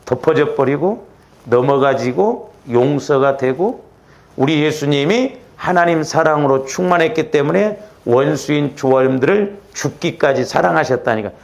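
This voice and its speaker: A man preaching a Friday night church sermon, animated, acting out little quarrels as he goes. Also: fairly high pitch, moderate pace, creaky. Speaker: pastor.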